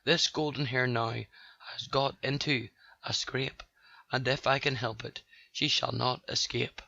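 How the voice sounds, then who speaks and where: A man's voice: medium pitch, steady tone, a little slow, sharp tone, dry recording, highs cut off, full character voice. A man doing a roaring papa bear. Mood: angry. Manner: roaring, gruff.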